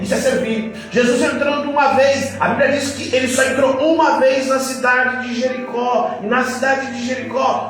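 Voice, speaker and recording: A Brazilian man preaching a sermon with lively, dramatic delivery, acting out scenes, with a sore throat, in an echoey hall from a distance with faint music. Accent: Brazilian Portuguese. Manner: animated, acting out scenes, jumping pitch. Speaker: pastor. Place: church hall.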